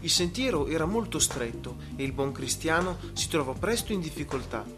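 A man narrating a story in a steady, measured way. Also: a little high. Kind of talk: scripted narration. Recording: music playing behind.

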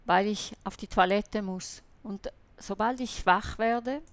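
A woman's voice: mid-range voice, takes it slowly, no echo. A woman giving an earnest, fervent personal faith testimony as a lay preacher, speaking directly to her listeners as brothers and sisters.

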